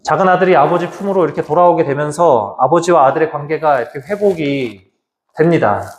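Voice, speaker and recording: Priest in an echoey hall. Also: male voice, a little high, fairly quick, slight background noise. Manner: conversational, vividly retelling with quoted voices. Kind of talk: Lenten lecture, storytelling.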